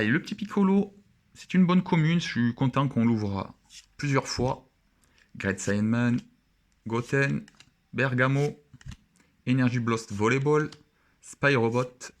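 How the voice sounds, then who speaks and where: A young man chatting casually and with enthusiasm as he opens trading cards and admires each one. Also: mid-range voice. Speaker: card opening vlogger. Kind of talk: casual card-opening commentary.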